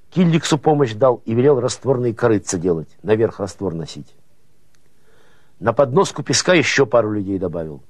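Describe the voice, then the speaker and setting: A man narrating prose as an audiobook, with expressive folksy storytelling rhythm. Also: lowish voice, no room sound.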